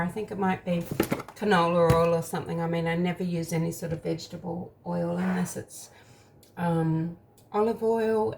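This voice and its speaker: A woman's voice: on the low side, vocal fry, a little mellow. A woman chatting casually through a home baking taste test, rambling and talking while she eats.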